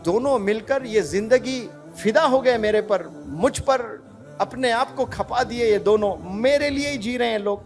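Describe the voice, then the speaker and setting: A man's voice: very high voice, soft background music. A man speaking as a remorseful young daughter who confesses she has shamed her parents. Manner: self-reproaching, confessional.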